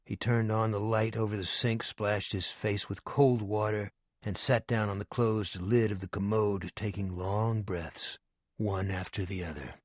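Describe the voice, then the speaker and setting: A man reading an audiobook in a measured, hushed narration style, recorded on a close studio mic. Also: fairly low pitch, fairly even intonation, dry recording.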